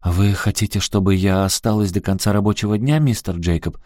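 A man reading an audiobook and voicing a polite, soft-spoken young woman. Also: on the low side, steady tone, fairly quick, no room sound, clean studio sound, natural voice. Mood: polite, pleading. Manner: polite, sweet, pleading. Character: polite young woman, shop clerk, sweetly complicit.

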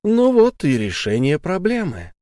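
A man putting on a shrill, scolding young wife. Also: wildly swooping pitch, measured pace, dark tone, no room sound, studio quality, full character voice. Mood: sly, coaxing. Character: sharp-tongued young wife, shrill and quick to anger.

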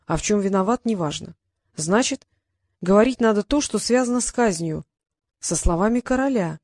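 A woman narrating a fairy-tale audiobook in a steady, even storytelling voice. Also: medium pitch, normal speed, no room sound, clean studio sound. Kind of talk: scripted narration.

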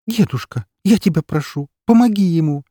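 A man's voice: fairly high pitch, lively intonation, normal speed, warm tone, no room sound, clean studio sound, voice pushed up. A man doing a desperate pleading granddaughter. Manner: begging, tearful pleading.

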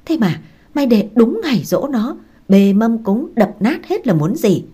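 A woman's voice: fairly low pitch, sing-song, a little fast, warm tone, slightly rough. A woman voicing an enraged older mother-in-law who screams curses at her daughter-in-law. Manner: screaming abuse, cursing.

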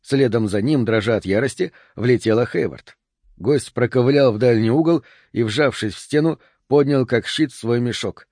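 A man's voice: medium pitch, normal speed, darkish tone, no room sound. Male audiobook narrator, dry close sound.

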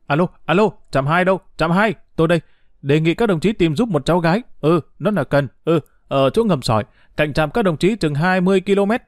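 A man voicing a harried middle-aged official who gives brisk, clipped orders. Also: fairly high pitch, animated, no echo, clean studio sound, natural voice. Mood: urgent.

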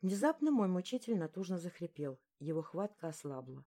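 Audiobook narrator: woman, lowish voice, steady expressive first-person reading. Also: brisk.

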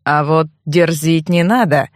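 A woman's voice: on the low side, unhurried, no echo, clean studio sound, pitched below the performer's own voice, lightly acted. A woman voicing a smug young man who mocks and blackmails the heroine in a sly, taunting way. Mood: menacing.

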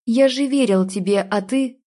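A woman's voice: a little high, normal speed, dark tone, natural voice. A woman reading a jealous drunk young man. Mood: accusing. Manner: harsh, accusing outbursts.

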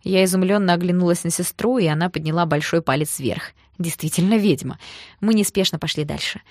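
A woman telling a first-person audiobook story in a lively way. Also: fairly low pitch, brisk, dry recording, studio quality.

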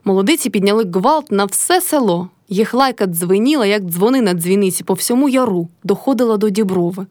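A woman narrating a classic novel in an expressive audiobook reading. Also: mid-range voice, a little fast, few pauses, dry recording, studio quality. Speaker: reader.

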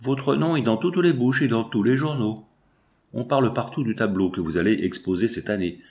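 A man's voice: medium pitch, moderate pace, a little mellow, natural voice. A man reading the lines of an opinionated, pompous bourgeois father in an audiobook, speaking emphatically. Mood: emphatic.

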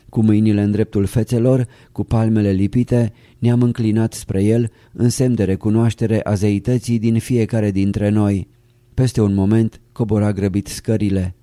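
A man reading a first-person memoir aloud as an audiobook narrator, calm and measured, close to the mic. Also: lowish voice, no echo.

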